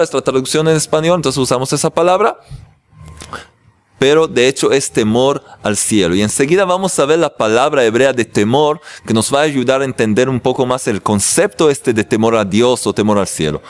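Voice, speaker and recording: A man's voice: mid-range voice, no echo. A man, a rabbi, teaching a religious class, joking with his audience and then explaining the text.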